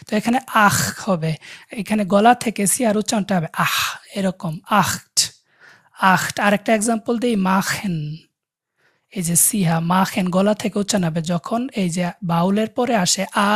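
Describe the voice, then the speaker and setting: A woman teaching an online language class over a video call. She spells words out letter by letter and has the students repeat after her. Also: mid-range voice.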